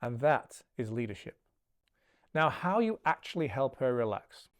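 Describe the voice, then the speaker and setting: A man hosting a relationship advice video, speaking in a calm, measured, instructive way. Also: medium pitch. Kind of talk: scripted advice monologue.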